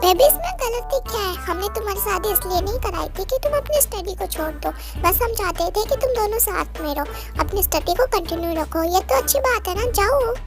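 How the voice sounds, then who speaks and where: A woman voicing a gentle, doting mother who coaxes her daughter in a soothing way. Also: very high voice, lively intonation, a little fast. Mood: coaxing. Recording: loud music under the voice.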